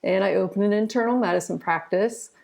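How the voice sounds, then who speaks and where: Speaking a little fast in a slightly mellow, medium-pitched voice with some creak, a southern Ohio woman in her forties recounts her life as an interview guest. The retired physician and author is informal and frank, frequently dropping in "you know."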